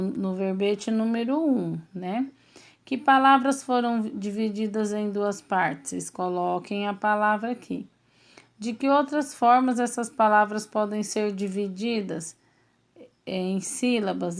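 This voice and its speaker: A woman teacher with a Brazilian Portuguese accent, patiently walking pupils step by step through a textbook exercise and checking in with them often. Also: medium pitch. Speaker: schoolteacher. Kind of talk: recorded remote lesson going through a textbook.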